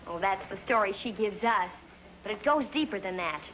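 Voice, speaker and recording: An actress playing a melodramatic, self-admiring young college student who talks in theatrical, exaggerated alarm, in 1950s sitcom style. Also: female voice, mid-range voice, lively intonation, normal speed, fairly bright tone, a little hiss or hum, close to an everyday voice, rough recording. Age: young adult. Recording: old TV soundtrack, studio audience laughter.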